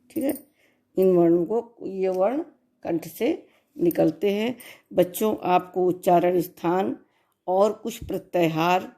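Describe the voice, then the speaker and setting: A woman teacher talks through a recorded class lesson, dictating answers slowly for students to copy. Her delivery is unhurried and measured, and her voice is mellow and warm. She repeats key points with patient care. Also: mid-range voice.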